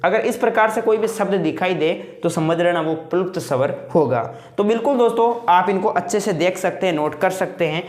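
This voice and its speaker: A male grammar teacher giving a video lesson, who asks rhetorical questions, answers them himself and repeats each term slowly. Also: high voice. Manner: calls viewers friends. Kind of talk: video lesson explaining at a board. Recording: roomy echo.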